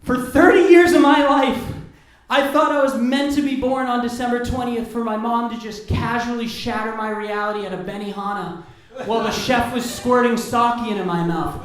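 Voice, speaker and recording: A man's voice: extremely high pitch, fairly even intonation, moderate pace. A man in his thirties performing a stand-up comedy set, sardonic and self-deprecating, swearing freely. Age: 30s. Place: comedy club stage. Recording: echoey comedy club room.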